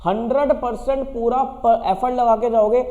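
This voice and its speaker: A man's voice: extremely high pitch, steady tone, moderate pace, dark tone, long reverb tail, lo-fi sound. Hindi-speaking man giving a motivational pep talk. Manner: direct, asks and answers his own questions. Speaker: teacher.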